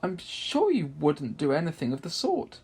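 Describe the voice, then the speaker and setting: A man's voice: on the high side, wildly swooping pitch, moderate pace, darkish tone, husky, pitched above the performer's own voice, heavily acted. Storybook little girl, played by a man: kind, earnest, emphatic, voice lifted well up. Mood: hesitant, kind.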